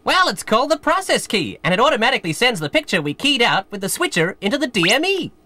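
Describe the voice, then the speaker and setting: An actress playing an eager, cheeky young apprentice in scripted promotional dialogue. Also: female voice, on the high side, big pitch swings, fast talker, sharp tone, a little hiss or hum. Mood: chirpy. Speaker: apprentice character in a promo video.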